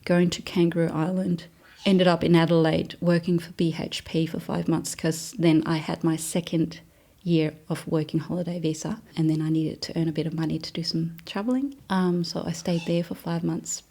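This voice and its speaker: Soft-spoken Danish woman in her thirties, flat gravelly delivery, relaxed interviewee. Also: low voice, normal speed. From Denmark. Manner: soft-spoken, relaxed, with frequent fillers and laughs. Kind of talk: casual storytelling interview.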